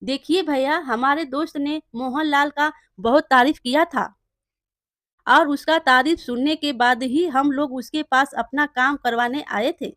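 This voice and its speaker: A woman's voice: sits high, steady tone, a little slow, fairly bright tone, dry recording, clean studio sound. A woman voicing a chatty, gossipy male customer in a village storybook tale. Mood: admiring.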